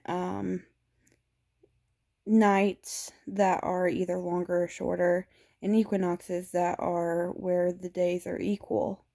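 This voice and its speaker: Woman, vlogger, casual explainer, hesitant with fillers, level monotone delivery. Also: lowish voice. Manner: hesitant, frequent filler pauses.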